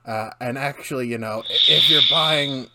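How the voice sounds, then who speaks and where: A man's voice: mid-range voice, moderate pace, heavy background noise, close to an everyday voice. A man voicing an eccentric, arty tavern keeper with a rambling, haggling way of talking in a tabletop game. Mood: rambling pitch.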